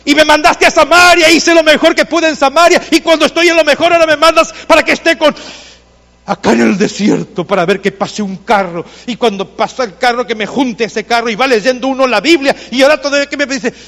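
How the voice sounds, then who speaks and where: A man voicing an exasperated male apostle who protests loudly to God, heard in an echoey church hall. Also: very high-pitched, fairly quick, few pauses, pitched above the performer's own voice. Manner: loud, pleading, protesting.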